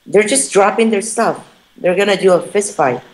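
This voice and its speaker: On a rough recording, a gamer who edits for his channel talks over voice chat at a moderate pace, his voice sitting high. He exchanges sarcastic barbs and panics when his character is in danger, in a casual gameplay commentary.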